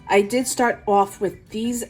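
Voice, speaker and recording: A woman's voice: medium pitch, fairly even intonation, slow, soft background music. A woman with a New York accent hosting a nail art tutorial, talking through each step with chatty, self-deprecating asides.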